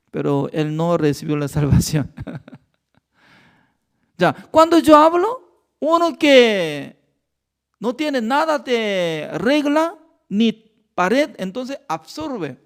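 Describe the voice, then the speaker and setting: Un pastor con acento coreano, de lengua materna coreana, que enseña un estudio bíblico con énfasis y preguntas retóricas. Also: male voice, high voice. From Korea. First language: Korean. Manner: emphatic, with rhetorical questions and non-native grammar. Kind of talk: Bible study teaching.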